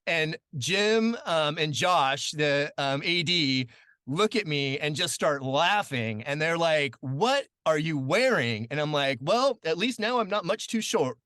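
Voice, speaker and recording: A chatty man in his late forties tells stories as a podcast guest, his voice bright and a little high for a man. He talks loosely with lots of ums, and his voice perks up whenever he quotes someone. The sound is dry and close. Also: no room sound. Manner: chatty, many fillers, animated when quoting. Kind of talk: casual storytelling interview.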